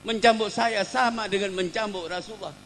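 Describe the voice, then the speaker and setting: A preacher voicing an eager devoted grandson. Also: male voice, fairly quick, a bit bright, a little hiss or hum. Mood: earnest. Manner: high, earnest offering.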